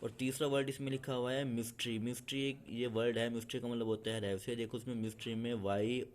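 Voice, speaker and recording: A man's voice: mid-range voice, a little mellow. A man teaching an English grammar lesson, patiently repeating each point two ways.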